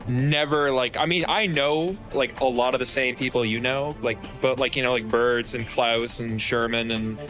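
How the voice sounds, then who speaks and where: A laid-back man talking as a guest on a game stream. He rambles along with plenty of filler words, at a mid-range pitch, with faint music underneath. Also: fairly even intonation, moderate pace, hardly any pauses, a bit bright. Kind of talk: casual chat.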